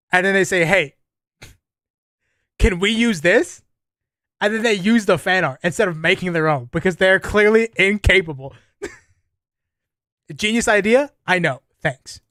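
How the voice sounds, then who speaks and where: Young male streamer, high and dry, excitable slang reaction chatter. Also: a little slow, pauses often, no room sound. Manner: excitable, slangy, talks to chat. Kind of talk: casual reaction commentary.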